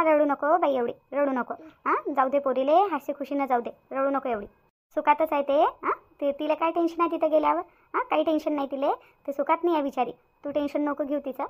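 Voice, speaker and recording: Shantabai is a woman doing cartoon voice acting as a squeaky village busybody, a chatty, bossy, consoling middle-aged village woman. She chatters on with repetitive scolding and consoling.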